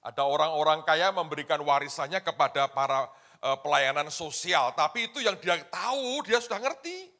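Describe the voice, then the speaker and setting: Dramatic pastor, high lively voice. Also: male voice, moderate pace. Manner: dramatic, swings from loud shouts to hushed asides; colloquial, keeps addressing the congregation. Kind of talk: sermon.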